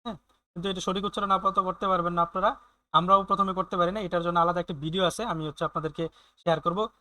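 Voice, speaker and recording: A man teaching German in an online class, explaining slowly with many fillers and often checking in with his students. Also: sits high, steady tone, bright, forceful tone, no echo.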